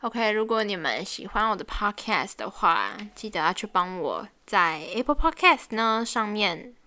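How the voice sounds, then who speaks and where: A woman's voice: medium pitch, big pitch swings, a little slow, pushed and bright, clean tone. A woman in her twenties with a Taiwanese Mandarin accent, hosting her own podcast and chatting through a funny story, laughing as she goes. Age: 20s. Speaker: podcast host. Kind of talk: casual storytelling monologue.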